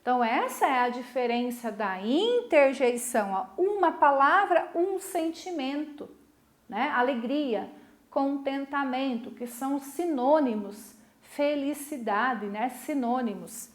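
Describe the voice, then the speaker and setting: A woman's voice: sits high, animated, slow, roomy sound. A woman teacher giving a recorded school lesson, explaining patiently and often checking with her students. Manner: explains patiently, keeps asking "né?" to check understanding.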